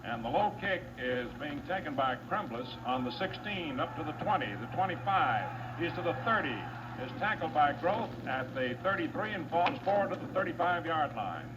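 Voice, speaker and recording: A man's voice: fairly high pitch, lively intonation, lo-fi sound, background noise. Man calling football on old wire recording. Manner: brisk, reels off names, yard lines and down-and-distance. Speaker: play-by-play announcer. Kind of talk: live radio football play-by-play.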